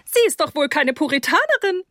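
A woman doing a shrill, tipsy middle-aged mother. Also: sing-song, a little fast, bright, forceful tone, dry recording, clean studio sound, full character voice. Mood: tipsy giggly.

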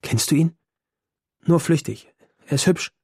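A determined teenage girl, as a male narrator puts her on, speaking with quiet, firm resolve. Her voice sits higher and has a slightly husky edge. The audiobook sound is close and dry. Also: a little slow, no echo, heavily acted. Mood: calm resigned. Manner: calm, firm, raised pitch. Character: determined teenage girl, resigned yet teasing. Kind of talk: audiobook character voice.

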